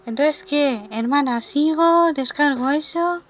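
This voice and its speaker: Expressive streamer woman from Spain. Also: high-pitched, slow pace, faint music behind. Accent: Spain, Spanish. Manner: chatty and expressive, with frequent exclamations. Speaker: gaming streamer. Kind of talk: live-stream chat.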